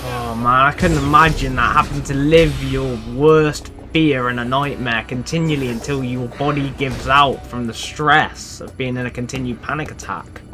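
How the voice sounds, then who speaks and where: A man hosting a reaction video, chatting casually and reacting loudly, sometimes swearing. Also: mid-range voice, fairly even intonation, moderate pace, hardly any pauses. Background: show soundtrack music.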